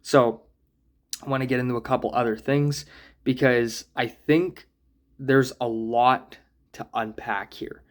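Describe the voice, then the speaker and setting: Man, channel host, relaxed review monologue, reflective with the odd filler, mid-range voice. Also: mid-range voice, measured pace. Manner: thoughtful, musing, with small hedges and fillers. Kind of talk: casual spoken analysis monologue.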